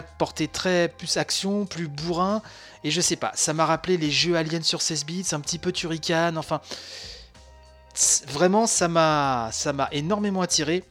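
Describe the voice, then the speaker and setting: A man's voice: on the high side, a bit bright. A man hosting a casual podcast, talking with many fillers and restarts. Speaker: podcast host.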